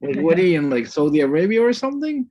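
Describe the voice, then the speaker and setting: A man instructor chatting warmly and rambling a little as he greets students on a video call, sprinkling in religious phrases. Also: a little high, big pitch swings, fast. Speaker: course instructor. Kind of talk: casual chat greeting an online class.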